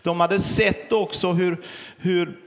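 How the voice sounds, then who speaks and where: A middle-aged man preaching a sermon as pastor, earnest and storytelling, with pauses and fillers. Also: sits high, fairly even intonation, big-room sound.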